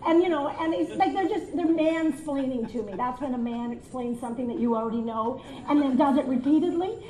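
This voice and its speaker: A woman's voice: sits high, fairly quick, warm tone. A woman doing a stand-up comedy routine, telling a story and acting out both sides of each conversation. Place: live venue with audience. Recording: echoey room with crowd.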